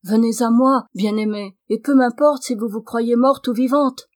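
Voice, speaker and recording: An ardent young gentleman pours out his love in pleading, impassioned words, as a woman reader voices him. The sound is close and dry, with no room around it. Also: mid-range voice, normal speed, dry recording, lightly acted. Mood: ecstatic.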